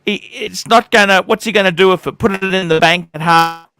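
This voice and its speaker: A man's voice: high voice, fairly quick, creaky. Man on a glitching, freezing stream feed. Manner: emphatic, repeats points for stress. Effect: glitching, freezing audio that keeps breaking up. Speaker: livestream host. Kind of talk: casual livestream chat.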